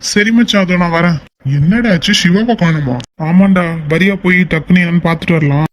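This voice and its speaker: Guy voicing a worried cartoon friend, fast and high pitched. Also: slight background noise, natural voice. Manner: anxious, questioning. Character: worried young man friend. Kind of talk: cartoon voice acting.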